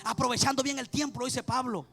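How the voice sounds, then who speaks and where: A man preaches a fervent, repetitive sermon in Spanish, repeating phrases and calling out to his beloved brothers. His very high-pitched voice is steady, quick, creaky, husky, pushed and bright, with faint music behind.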